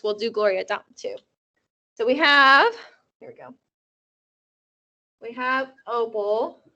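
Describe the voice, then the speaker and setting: A woman teacher reading a novel aloud to her class in an animated way, with chatty asides. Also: high-pitched. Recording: dull lo-fi audio.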